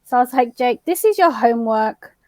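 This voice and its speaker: A young woman co-hosting a casual chat, telling anecdotes with lively acted-out dialogue. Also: fairly high pitch, brisk, no room sound. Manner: animated storyteller, acts out quoted dialogue. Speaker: podcast co-host.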